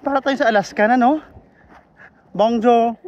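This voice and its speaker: A man with an Ilonggo accent chatting casually on a walking vlog outdoors, playful and quick to laugh. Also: very high-pitched, highs cut off, crowd noise. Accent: Ilonggo Filipino. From Philippines. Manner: playful, laughs often, jokes around. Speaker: vlogger. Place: outdoors on a cold street.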